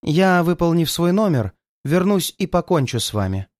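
A man's voice: fairly high pitch, sing-song, moderate pace, no echo, studio quality. A man voicing a cold, murderous young woman who threatens and mocks in a raised, strained voice. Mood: gloating. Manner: threatening, mocking, shouting in fury.

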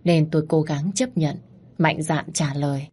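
A woman narrating a first-person story in a steady, dramatic way. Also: low-pitched, a little slow, slightly rough.

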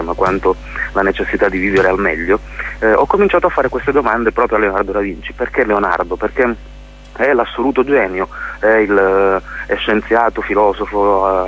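A playwright with a low, slightly bright voice is interviewed on the radio, speaking thoughtfully and haltingly as he searches for words. The recording is muffled, with hum and hiss.

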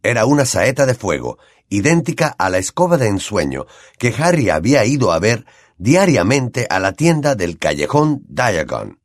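A man with a Latin American Spanish accent reading an audiobook with expressive storytelling, on a close studio mic. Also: mid-range voice, no room sound. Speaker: audiobook narrator. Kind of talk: scripted narration.

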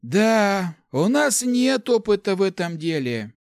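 A man's voice: high-pitched, sing-song, takes it slowly, smooth, no room sound, studio quality, voice pushed up, full character voice. A man voicing a young male mage who sighs and talks wryly. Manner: sighing, wry.

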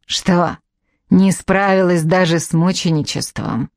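Audiobook: woman doing a surly blind old woman, low, slow, scornful growl. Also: steady tone, darkish tone, no room sound, clean studio sound. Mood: mocking. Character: blind, ill-tempered old woman teacher. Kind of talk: audiobook character reading.

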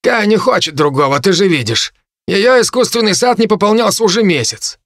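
A man reading an audiobook plays a burly, hard-drinking gang leader with a loud, rough manner. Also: high voice, animated, brisk, dry recording, clean studio sound, voice pushed up. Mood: blunt.

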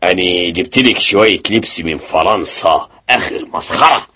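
A man's voice: sits low, full character voice. An actor playing a boastful, bossy rustic husband in a radio comedy, with an Egyptian Arabic accent, blustering and scolding his wife. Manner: blustering and scolding, quick to shout. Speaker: lead comic actor.

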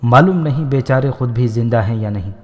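A man's voice: medium pitch, natural voice. A man reading as an innocent, witty young woman. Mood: tender. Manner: simple, artless speech with quick wit. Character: innocent, playful young woman raised by an elderly scholar. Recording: long hall reverb.

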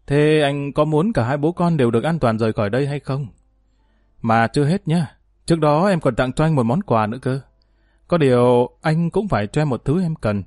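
A man's voice: fairly high pitch, lively intonation, fairly quick, a little mellow, no room sound, lightly acted. A man voicing a sly, cruel male gang boss who taunts with false politeness, recorded dry. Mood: smug taunting.

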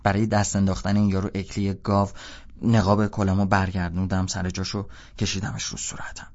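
A man's voice: low-pitched, completely flat delivery, darkish tone, muffled recording. A man reading a novel aloud in the first person, telling it in a casual, slangy way. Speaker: audiobook narrator.

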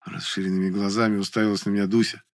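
Low-voiced male audiobook narrator. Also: flat delivery, rapid-fire. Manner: wry, ironic.

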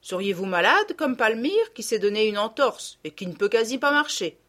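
A woman's voice: a little high, very animated, moderate pace, a bit bright, pitched above the performer's own voice. A woman voicing a middle-aged peasant gardener woman who scolds and gossips in blunt rustic speech, read as an audiobook character. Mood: gossiping.

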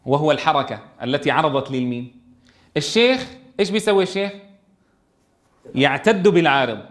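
Quick, high-voiced teacher. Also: male voice. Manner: lively, asks students questions and answers them himself. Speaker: Quran recitation teacher. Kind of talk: classroom lesson on tajweed rules.

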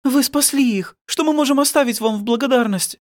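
A frightened young mother pleads in a shrill, high voice, as a man reading the book puts her on. The delivery is loud and strained. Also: fairly quick, no room sound, clean studio sound. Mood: tearful.

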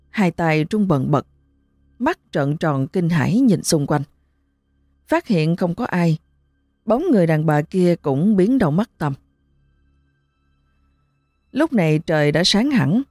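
A woman reading a ghost story aloud in a low, steady, dramatic voice. The sound is dry and close-miked. Soft music plays faintly underneath. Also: dry recording.

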